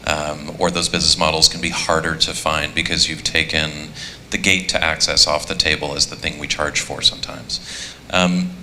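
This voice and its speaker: A man's voice: rumbling low, little pitch movement, normal speed, sharp tone, a little hiss or hum. A man moderating a conference panel, asking the audience and the speaker questions in a conversational way.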